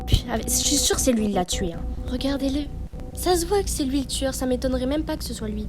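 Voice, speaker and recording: A woman's voice: high voice, expressive, fast, music in the background. A young woman doing casual horror game streamer commentary, reading dialogue aloud and reacting in slangy speech.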